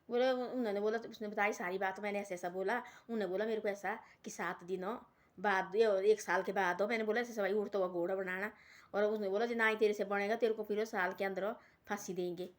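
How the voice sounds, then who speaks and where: A woman telling a folk tale in a casual, rambling way, repeating herself and tossing in "bhai" between phrases. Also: medium pitch. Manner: rambling, repetitive, peppered with "bhai". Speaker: storyteller. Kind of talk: casual oral folk storytelling.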